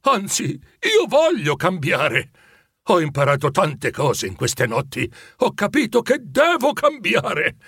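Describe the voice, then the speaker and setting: Man reading as a frantic old miser, husky voice pushed high, pitch leaping about, dry close sound. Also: wildly swooping pitch, takes it slowly, fairly bright tone, no room sound, full character voice. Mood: pleading. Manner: anguished, pleading, high-pitched. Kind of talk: storybook reading.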